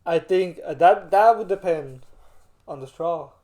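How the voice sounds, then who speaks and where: A young man with a soft, mellow tone and a fairly high-set voice talks in a laid-back stoner way. His chat is slangy and peppered with curses, in a roomy, echoing space. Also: unhurried. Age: young adult. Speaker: co-host. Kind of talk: casual chat. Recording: roomy, echoing indoor sound.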